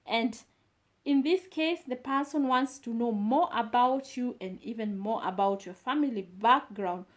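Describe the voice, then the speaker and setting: A woman teaching a beginner language lesson, slowly repeating each phrase for the learner. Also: on the high side. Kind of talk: slow, patient language lesson.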